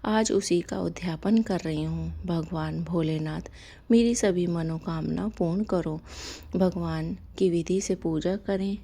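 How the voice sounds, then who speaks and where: Female devotional host, low gravelly voice, unhurried soft-spoken instruction with whispered line endings. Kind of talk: devotional instruction on a fasting ritual.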